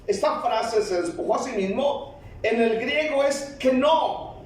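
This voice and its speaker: Male pastor, Guatemalan accent, very high voice, slow and emphatic sermon delivery, booming echoey hall, a little off-mic. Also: far from the mic, slight background noise. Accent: Guatemalan Spanish. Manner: emphatic preaching, rising to shouts, slow deliberate phrasing. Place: large church hall. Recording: echoey hall, preacher off-mic, faint ambience.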